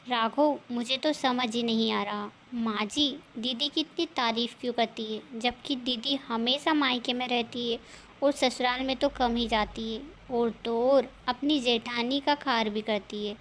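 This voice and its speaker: A woman voicing a gentle, put-upon young wife in a cartoon story. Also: a little high, steady tone, a little slow, a little hiss or hum, close to an everyday voice. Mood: pleading. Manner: pleading, gentle.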